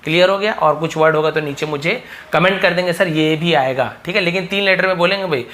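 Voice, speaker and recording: Man teaching phonics with drawn-out sounds. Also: sits high, steady tone, sharp tone, slight background noise. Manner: drawn-out phonics demonstrations, addresses viewers as sir-style students. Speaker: English teacher. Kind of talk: spoken lesson at a board.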